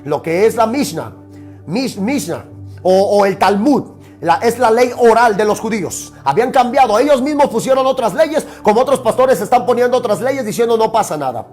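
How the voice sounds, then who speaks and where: A man's voice: sits high, lively intonation, normal speed, a little mellow, faint music behind. A man preaching a sermon as pastor, emphatic, asking rhetorical questions and repeating key phrases.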